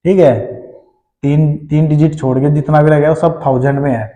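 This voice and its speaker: A man's voice: a little high, steady tone, fairly quick, mellow, in a large hall, rough recording. A man with an Indian accent teaching a math lesson, explaining step by step and often checking in with his students.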